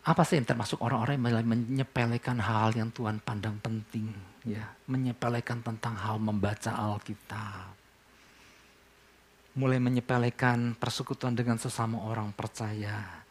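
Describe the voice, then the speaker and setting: A pastor in his speech preaches to his congregation. His tone is conversational. He keeps asking questions and answering them himself, and his voice sits at an ordinary middle pitch. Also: fairly even intonation, normal speed, husky. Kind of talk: sermon.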